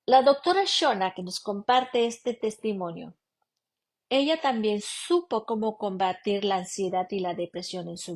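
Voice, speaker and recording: A woman preaching a radio sermon, earnestly asking her listeners direct questions and calling them beloved sister. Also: mid-range voice. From broadcasting from Canada. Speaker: lawyer and radio program preacher.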